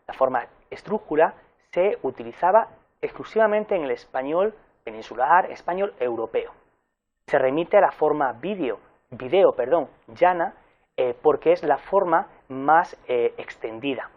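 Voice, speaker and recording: A man giving a recorded university lecture in an explanatory way, pausing with fillers and correcting himself as he goes. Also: on the high side, dull audio.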